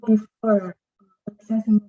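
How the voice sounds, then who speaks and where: A woman, a student's parent, asking halting questions over a video call while her audio keeps cutting out and glitching. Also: medium pitch, flat delivery, husky, dry recording. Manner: hesitant, halting. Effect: choppy, cutting-out glitchy call audio. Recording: tinny, distant video-call line.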